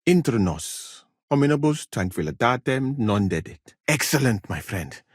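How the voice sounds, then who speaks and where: In a medieval video game, a man plays a polite, scholarly physician from abroad, speaking in calm, thoughtful, formal, measured lines. His medium-pitched voice is husky, captured in a dry, studio-quality recording.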